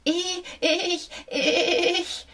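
A woman's voice: high-pitched, lively intonation, moderate pace, pitched above the performer's own voice. A woman voicing a small, timid female mouse who stammers and trembles in an audiobook for children. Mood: frightened stammer. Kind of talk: audiobook character voice.

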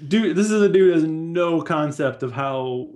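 Expressive and slightly mellow, this man's voice runs on the high side at a moderate pace. He's a comics artist in his thirties, chatting casually as a guest on a video call through headphones in a small room at home or at work.

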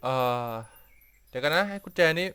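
A man's voice: moderate pace, sharp tone, a little hiss or hum. Puzzled Thai man commenting on a game. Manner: puzzled, exclaiming, talks to the game. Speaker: gameplay streamer.

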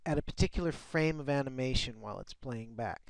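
A man walking through a screen-recorded software tutorial, often restarting and repeating words as he explains. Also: medium pitch, a little fast, gravelly, no echo. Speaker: software developer demonstrating his tool.

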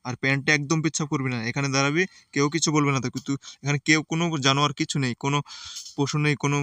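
A man's voice: a little high, little pitch movement, racing, bright, forceful tone, clear, resonant tone, dry recording. A man voicing a bossy but caring uncle who reassures and lectures his nephew. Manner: reassuring, lecturing, repeats "ঠিক আছে". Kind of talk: game play voice acting.

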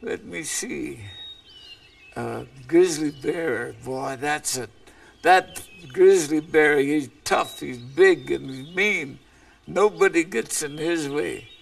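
A man's voice: fairly high pitch, slow, gravelly, distant mic, exaggerated voice. Man voicing a whining hungry coyote. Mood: musing. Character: hungry unhappy male coyote, complaining, wishful.

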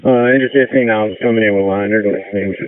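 A man's voice: fairly low pitch, steady tone, fast talker, clear, resonant tone, soft background music. A man, a fire division officer, giving plain status reports over a police-style two-way radio. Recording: distant, tinny radio transmission.

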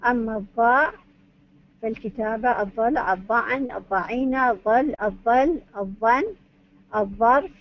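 A woman's voice: a little high, normal speed. A woman giving a university lecture, going point by point and asking and answering her own questions. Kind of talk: academic lecture on Arabic phonetics. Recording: dull lo-fi recording.

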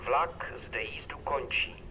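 A male railway announcer reads a scripted notice in formal, separate phrases at a medium pitch. It comes over an outdoor station loudspeaker with loud ambient noise. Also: recorded from a distance, rough recording. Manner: formal, segmented phrase-by-phrase delivery. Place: outdoor railway station, public address system.

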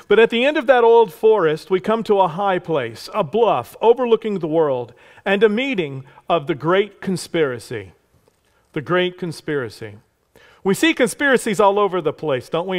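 A man preaching a sermon as pastor, telling a history story in a loose conversational way with asides and little jokes. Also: sits high. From Texas. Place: church sanctuary.

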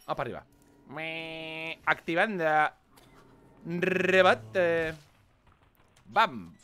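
A man with a Spain Spanish accent commenting on a game he plays, animated and swearing, with mock-dramatic outbursts. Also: fairly high pitch, extremely slow, pauses often. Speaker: gaming video host. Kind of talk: casual gameplay commentary.

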